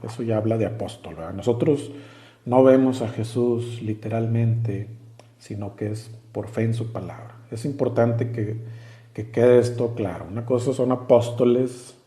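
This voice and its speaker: Dark-voiced man teaching a Bible study. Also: mid-range voice, steady tone, normal speed, roomy sound. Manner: explains plainly, reads verses aloud, asks "¿verdad?" often; hesitant with frequent fillers and restarts. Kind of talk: conversational Bible study sermon.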